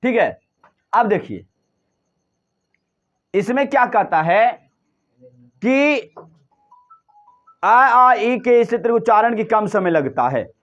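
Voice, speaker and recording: A man's voice: high voice, animated, takes it slowly, pauses often, fairly bright tone, muffled recording. A male teacher giving a classroom lesson, drilling his students with repeated questions and answering them himself.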